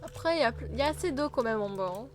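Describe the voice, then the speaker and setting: A woman's voice: fairly high pitch, animated, quick pace, slight background noise. A woman chatting casually while playing a video game, teasing her sister and laughing often. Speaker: let's play gamer. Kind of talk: casual gaming chat.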